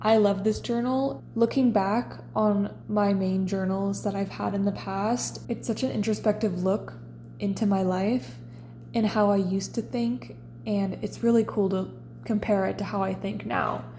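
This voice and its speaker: A woman in her twenties talks in a relaxed, confessional vlog chat. Her voice is mellow and soft-edged, with a little faint hiss underneath. The room sounds noticeably echoey. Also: mid-range voice, unhurried. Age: 20s. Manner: relaxed, chatty and confessional, reading her diary entries aloud. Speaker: vlogger. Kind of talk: casual chat.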